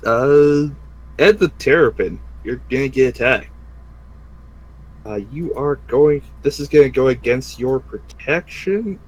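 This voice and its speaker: A man with a mid-pitched voice runs a tabletop game over group voice chat. He is informal and thinks aloud as the game master. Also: a little slow, rough recording.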